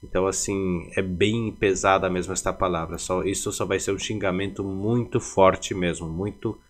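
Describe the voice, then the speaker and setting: A man giving a casual video language lesson, explaining slowly with frequent fillers and tag questions. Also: deep voice, fairly even intonation. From Paraguay. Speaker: language teacher.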